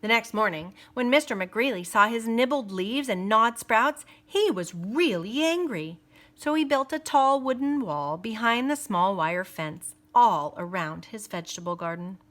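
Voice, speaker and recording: A female teacher reads a picture book out loud, stopping for teaching asides and sinking into playful whispers to build suspense. Her voice is a little high, animated and a bit bright.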